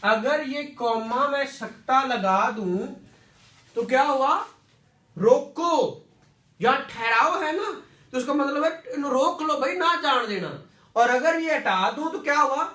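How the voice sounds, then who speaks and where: A man's voice: very high-pitched, animated, unhurried, sharp tone. A man teaching a classroom lecture, repeating words and quizzing students with questions. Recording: echoey room, distant mic.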